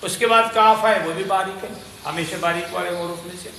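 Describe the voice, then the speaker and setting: A man's voice: high voice, steady tone, vocal fry, bright, forceful tone, a little hiss or hum. A man teaching Quran recitation to a class, explaining patiently and methodically and modeling each phrase in a chant. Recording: roomy class recording.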